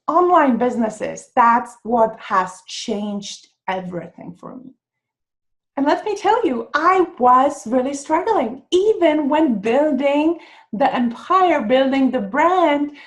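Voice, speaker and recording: Czech-accented woman in her 30s, high and upbeat, pitching her business over webcam with punchy emphasis. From Czech Republic. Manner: upbeat, emphatic, pitch jumping on key words. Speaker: online business coach. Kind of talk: enthusiastic sales pitch over slides.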